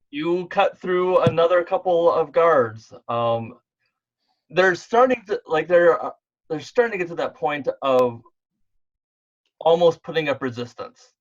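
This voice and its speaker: A man's voice: fairly high pitch, expressive, slow, long pauses. A man narrating as game master of a tabletop game played over an online call, thinking aloud as he goes. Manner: laid-back, thinks aloud while narrating. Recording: dull lo-fi online call audio.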